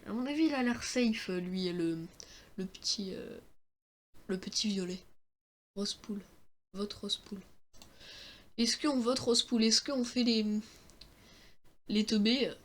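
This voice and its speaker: A young man giving joking, self-mocking commentary while playing a video game, talking to his viewers. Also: high-pitched. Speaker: gaming streamer. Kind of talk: let's-play commentary.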